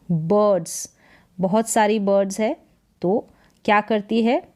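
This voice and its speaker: A woman's voice: medium pitch, warm tone. A woman teaching English reading in Hindi, going word by word, repeating each word and explaining its meaning patiently. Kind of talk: slow step-by-step reading lesson.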